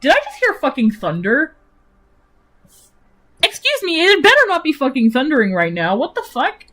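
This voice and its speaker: A young woman streamer chatting casually about her characters, animated, swearing freely and laughing often. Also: sits high, normal speed, soft background music.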